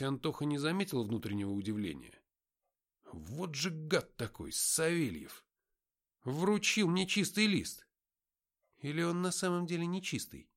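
A man narrating an audiobook in the first person, with an expressive, wry inner-monologue delivery. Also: medium pitch.

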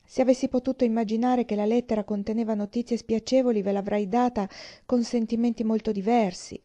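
A woman reading a calm, courteous young gentleman. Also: a little high, natural voice. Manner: measured, polite.

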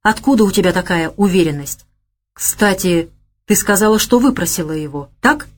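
A woman voicing a boastful, quick-tempered gangster man in an audiobook. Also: on the low side, expressive. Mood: gruff. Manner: gruff, boastful, blustering.

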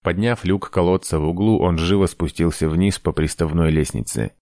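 A male audiobook narrator reading in an even, measured way. His voice is deep and low. The recording is dry, with no room sound. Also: no room sound. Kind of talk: scripted narration.

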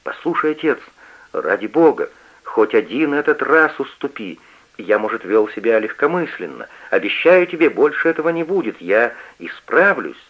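A man's voice: medium pitch, sing-song, moderate pace, breathy edge. A man voicing a defiant, stubborn young son who pleads and protests, on a dull lo-fi radio recording. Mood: pleading.

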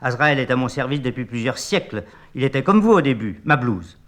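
Brief: brisk, bossy lady Death, voiced by an older man. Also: medium pitch, big pitch swings, fairly bright tone. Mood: commanding. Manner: brisk, commanding.

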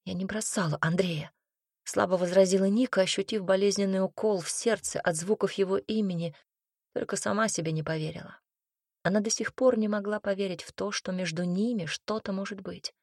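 A woman narrating a romance novel in an even, measured reading voice. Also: medium pitch, no room sound, clean studio sound. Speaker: audiobook narrator. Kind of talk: scripted narration.

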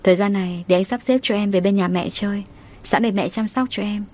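Woman reader as a gentle, firm young husband, speaking soft and low. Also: a little fast, close to an everyday voice. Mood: reassuring. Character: worried protective young husband.

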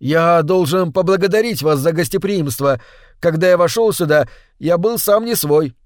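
A man voicing a weary reporter who shouts to be heard, his throat strained and hoarse. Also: on the high side, moderate pace, no echo, studio quality, voice pushed up, close to an everyday voice. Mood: shouting, strained. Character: shaken, weary male newspaper reporter shouting over roaring water.

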